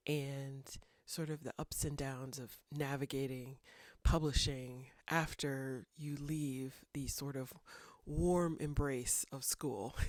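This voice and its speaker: There's no room sound around this woman's bass voice as she hosts her writing vlog, casual and talking-head style. She's in her thirties, a little congested with a cold, and rambles reflectively with plenty of fillers.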